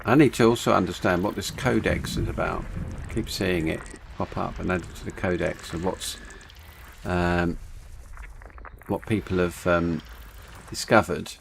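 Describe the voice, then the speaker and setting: A man with a speech impediment on R and S, saying w for r, chatting casually and rambling as he streams a game. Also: low voice. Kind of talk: casual rambling gameplay chat. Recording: clear background noise, vehicle-like game ambience.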